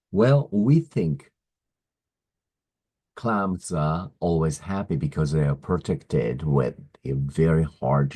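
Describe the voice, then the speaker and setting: A man teaching English idioms in a slow, explanatory lesson, pausing often with "uh" as he works through examples. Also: a bass voice, dark tone, slightly rough, rough recording. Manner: deliberate, pausing, frequent "uh" fillers.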